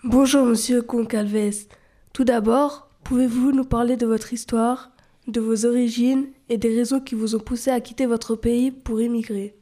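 Mellow-voiced woman interviewer. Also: on the high side, steady tone. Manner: measured, formal questioning. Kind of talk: reading prepared interview questions.

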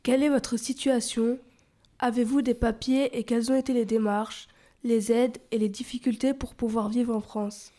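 A woman interviewer reading formal, prepared questions at a measured pace. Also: fairly high pitch, flat delivery, mellow.

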